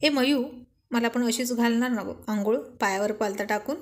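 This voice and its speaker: A woman's voice: fairly high pitch, normal speed, close to an everyday voice. A woman voicing a playful young husband who keeps teasing his wife in a storybook reading. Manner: teasing, jokey.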